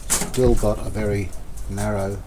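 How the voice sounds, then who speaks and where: A man with a lowish voice talks at a measured pace, offering casual, tentative commentary as he works through a repair. He's a hobbyist radio restorer presenting a repair video, and there's steady background noise throughout.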